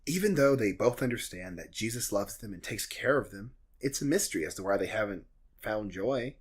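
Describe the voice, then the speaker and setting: A man's voice: fairly low pitch, expressive, brisk, husky. A young man co-hosting a podcast, recapping a show in a dry, sardonic, joking way. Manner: dry, sardonic, summarizing plot with jokes. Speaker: podcast co-host. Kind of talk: casual comedic recap chat.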